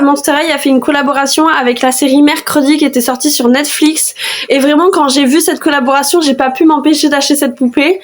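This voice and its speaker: A woman with a high, light voice talks through a doll review with eager enthusiasm. She chats casually, with frequent small hesitations between thoughts.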